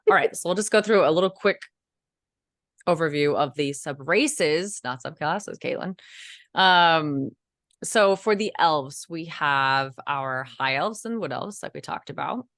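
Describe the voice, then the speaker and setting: A woman with a low voice, still getting over a cold, chats casually as a co-host. She rambles through fillers and restarts with the odd giggle. The sound is dry and close. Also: animated, unhurried, fairly bright tone, dry recording. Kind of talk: casual chat.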